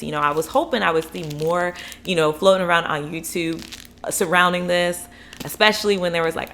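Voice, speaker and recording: This book vlogger, a young woman from Florida, USA, has a low and slightly bright voice. Her reviews ramble casually and enthusiastically, full of fillers and side remarks.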